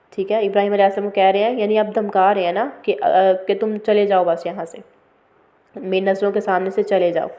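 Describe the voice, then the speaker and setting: A woman giving an explanatory lecture on scripture verses, calm and patient. She often checks in with her listeners and mixes English words into her speech. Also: medium pitch. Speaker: religious studies teacher.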